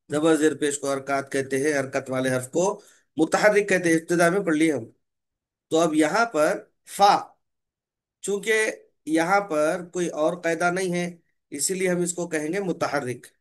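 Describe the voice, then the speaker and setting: A male religious reading teacher running an online class, patiently modelling and correcting syllables slowly. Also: a little high.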